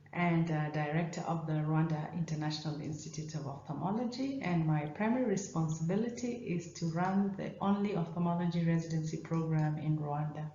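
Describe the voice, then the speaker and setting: Low-voiced Kenyan woman lecturing. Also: mellow, roomy sound, lo-fi sound, slight background noise. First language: not English. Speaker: professor of ophthalmology. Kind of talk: conference presentation.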